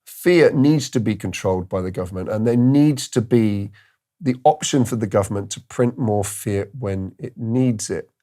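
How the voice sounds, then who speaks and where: Man, crypto video host, casual commentary, mellow tone, fillers and restarts. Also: fairly low pitch. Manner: thinking aloud with restarts and fillers. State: tired, yawning.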